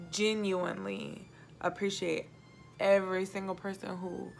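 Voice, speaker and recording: A woman's voice: on the low side, gravelly, a bit bright. A woman in her twenties chatting casually to camera as a makeup vlogger, with a tipsy, giggly, rambling drunk manner. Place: small indoor home set, close to camera.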